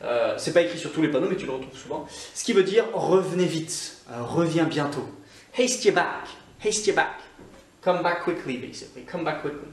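Through a distant mic in a roomy space, a Scottish man teaching English online gives a YouTube language lesson. His voice sits on the high side and he talks fairly quickly, staying lively and chatty with many small hesitations.

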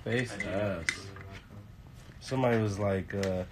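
A man's voice: fairly low pitch, slow pace, background noise. A man telling stories in casual, slangy studio banter. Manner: laid-back storytelling, slangy. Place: recording studio.

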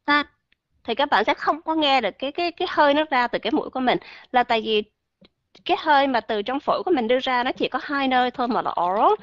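A woman teaching English pronunciation in an online class, explaining patiently and modeling words slowly. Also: fairly high pitch, fairly bright tone, dry recording, dull audio.

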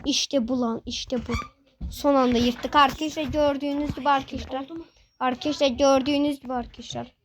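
A high-pitched young gamer narrates a match as it happens, bursting into shouts and rapid repeated words whenever the action heats up. Faint background noise and control clicks sit under the voice. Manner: excitable, repeats phrases, shouts urgent commands at the screen. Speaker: gaming channel host. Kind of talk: excited live gameplay commentary.

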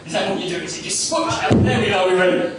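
Brash high-voiced comedian on an echoey stage. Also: male voice, fast talker, very noisy. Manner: brash, profane, self-mocking. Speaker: stand-up comedian. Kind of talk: stand-up routine. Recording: echoey live room from far off, crowd. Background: audience laughter.

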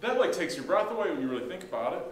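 A man's voice: high voice, sing-song, racing. A man preaching a sermon as pastor, conversational and folksy, with rhetorical questions and casual asides. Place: church sanctuary. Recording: echoey church room, faint background hiss.

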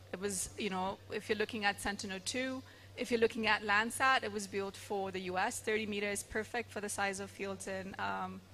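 Bright-voiced woman panelist explaining. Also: medium pitch, a little hiss or hum. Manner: explanatory, measured, occasional fillers. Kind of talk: conference panel discussion. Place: large conference hall stage.

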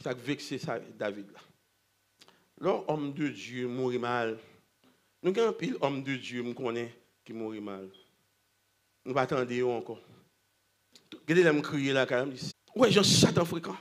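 A man preaching a sermon at a church convention, swinging between shouting and hushed storytelling. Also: medium pitch, lively intonation, moderate pace, pauses often.

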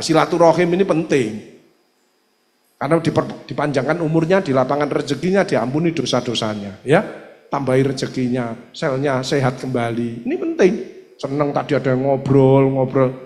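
A man with an East Javanese accent, a doctor giving an animated religious health seminar talk, acting out dialogues. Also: on the high side. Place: seminar hall. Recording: echoey hall reverb.

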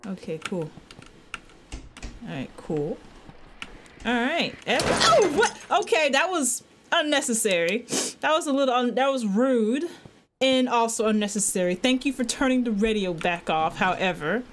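A young woman with a fairly high voice streams a horror game in a casual way. She sounds scared and covers it with nervous sarcasm, slang and repeated words. There is noticeable noise with keyboard clicks behind her voice. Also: animated, unhurried. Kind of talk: casual gameplay commentary. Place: small indoor room at a desk.

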